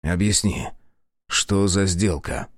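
A man voicing a glum young male samurai who has lost his memory, mumbling in a low voice in an audiobook. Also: steady tone, takes it slowly, no echo, clean studio sound. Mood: wary. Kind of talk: audiobook character voice.

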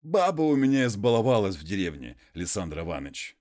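A man voicing an illiterate peasant man who wheedles and pleads in folksy, drawn-out speech. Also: lowish voice, big pitch swings, a little mellow, pitched above the performer's own voice. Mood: pleading.

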